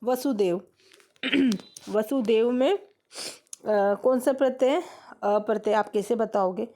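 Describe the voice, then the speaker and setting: A woman's voice: on the high side, takes it slowly, dark tone. A woman teaching a grammar lesson, explaining step by step and repeating questions back to her students.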